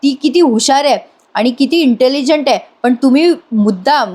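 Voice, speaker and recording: A woman voicing a middle-aged aunt who needles and scolds her nephew, in a slightly high voice. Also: a little mellow, close to an everyday voice. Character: sharp-tongued middle-aged aunt defending her niece.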